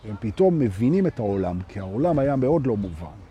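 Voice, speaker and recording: A man giving a live spiritual talk to an audience, asking rhetorical questions and swinging between loud and soft. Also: mid-range voice, big pitch swings. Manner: rhetorical, keeps asking "right?". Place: outdoors with street noise.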